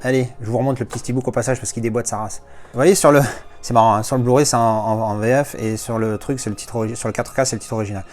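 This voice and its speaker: A man's voice: mid-range voice, steady tone, quick pace. A man from France chatting casually as he unboxes his latest movie discs, rambling with playful asides.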